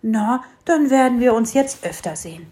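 A woman's voice: on the high side, lively intonation, moderate pace, warm tone, husky, voice pushed up. A woman voicing a big, friendly, honey-loving bear in a children's storybook, easygoing and contented.

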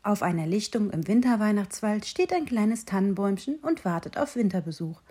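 A woman reading an Advent story aloud in a calm, clearly paced storytelling voice. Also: mid-range voice, a little fast.

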